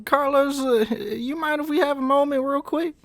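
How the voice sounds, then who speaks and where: A man's voice: very high voice, normal speed, fairly bright tone, no room sound, voice pushed up. A man putting on a raised, reedy voice for a simple Southern country brother who frets and drawls through every line. The sound is close and dry, with no room around it, as fits a tabletop role-play session. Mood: folksy. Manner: drawling rural dialect, fretting exclamations.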